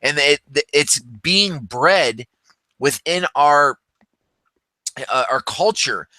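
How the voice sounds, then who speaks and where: A man in his thirties talks loosely and at length, circling back with fillers and false starts. His voice is very bright and a little high for a man. The sound is dry and close. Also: animated, extremely slow, dry recording. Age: 30s. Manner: rambling, many fillers and restarts. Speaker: podcast co-host. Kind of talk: casual chat.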